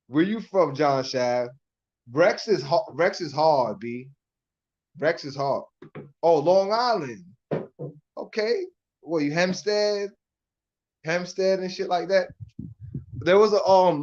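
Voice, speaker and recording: A man's voice: a little high, lo-fi sound. Slangy man with a New York–Florida accent. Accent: New York mixed with Florida. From Harlem, New York. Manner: loose street slang, heavy cursing, repeats "you know what I mean". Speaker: live-stream host answering chat. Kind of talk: casual chat.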